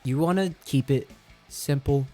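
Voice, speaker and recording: A man's voice: medium pitch, a little slow, dark tone, soft background music. A man giving a casual, informal, encouraging lesson to viewers as a vocal coach. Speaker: vocal coach in metal screaming. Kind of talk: casual instructional talk to viewers.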